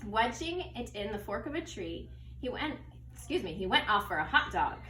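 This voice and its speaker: A second grade teacher reads a children's story aloud to her pupils in a mid-range voice at a moderate pace, with asides to them. She's expressive and teacherly, stopping to explain words. The recording is roomy and echoey, with a distant mic and faint noise.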